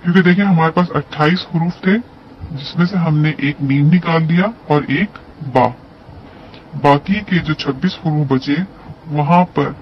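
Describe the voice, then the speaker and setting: Man with urdu accent, recitation teacher, very slow delivery, slightly high voice, muffled lo-fi sound. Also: slight background noise. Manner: slow, patient, drawn-out recitation of examples. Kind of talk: tajweed lesson with slow recited examples.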